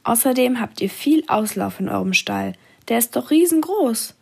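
Lady reading as a little curious teardrop in a storybook, higher voice, gravelly and husky edge. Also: animated, moderate pace, darkish tone, exaggerated voice. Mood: puzzled. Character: small wandering teardrop, curious and easily dismayed.

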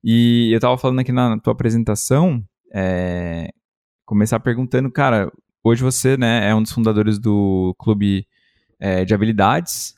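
A man's voice: on the low side, normal speed, a little mellow, clear, resonant tone, dry recording, clean studio sound. A man with a Brazilian Portuguese accent hosting a podcast, chatting casually and informally with slang. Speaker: podcast host. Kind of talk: casual interview chat.

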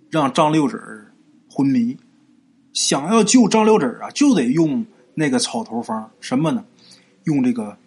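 A mid-range male voice with a breathy edge narrates a serialized ghost story in a chatty style. He poses questions and answers them himself, frequently stretching out particles like 啊 and 呀 at the ends of phrases.

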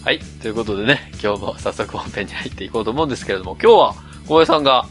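A man from Mie co-hosting a podcast in casual chat, animated and laughing as he complains. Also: on the low side, rapid-fire, soft background music. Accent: Kansai-leaning Mie dialect. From Mie, Japan. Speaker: podcast co-host.

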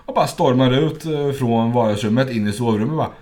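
A man co-hosting a podcast, chatting casually and telling stories with frequent laughter. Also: mid-range voice. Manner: animated storyteller, laughs often. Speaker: podcast co-host. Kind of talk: casual chat.

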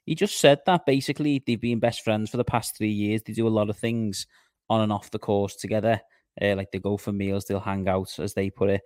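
Podcast co-host, man, lowish voice, dry close sound, chatty news reader. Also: fairly even intonation, fairly quick, a little mellow, dry recording. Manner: chatty, relays news at length. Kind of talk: casual golf news chat.

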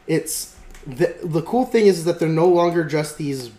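A man's voice: a little high, measured pace, mellow. A man hosting a podcast in casual chat, rambling with lots of fillers and restarts. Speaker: podcast host. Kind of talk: casual chat about a tabletop game. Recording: echoey room with faint noise.

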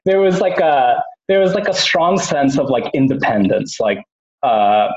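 A man's voice: mid-range voice, unhurried, darkish tone. Man rambling with fillers, roomy lo-fi sound. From Canada. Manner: rambling, lots of fillers and restarts. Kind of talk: casual chat.

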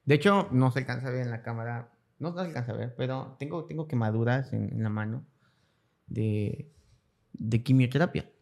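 The guest, a young cancer survivor with a Mexican Spanish accent, recounts his story in a casual interview and imitates the voices of those involved. He speaks at normal speed with a medium pitch, a little mellow, with some vocal fry.

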